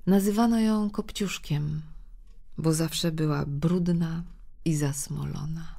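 Low-voiced woman reading a fairy tale. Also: slow, creaky. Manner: gently expressive, voicing the characters' lines. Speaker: audiobook narrator. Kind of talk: storybook narration.

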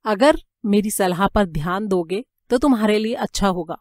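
A woman's voice: medium pitch, normal speed, a little mellow, no echo, clean studio sound, close to an everyday voice. A woman voicing a stern but kindly male prison warden in an audiobook, speaking in a firm, advising tone.

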